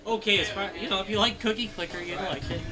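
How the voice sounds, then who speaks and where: A man's voice: high-pitched, steady tone, quick pace, pushed and bright, soft background music. A man co-hosting a gaming podcast, making dry wisecracks. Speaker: podcast co-host. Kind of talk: casual chat.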